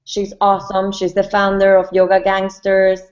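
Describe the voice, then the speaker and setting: A Venezuelan woman who co-founded a yoga brand answers interview questions casually, often repeating and restarting her words. Her medium-pitched, a little mellow voice is delivered completely flat at normal speed, heard through a webinar call mic with dull lo-fi audio.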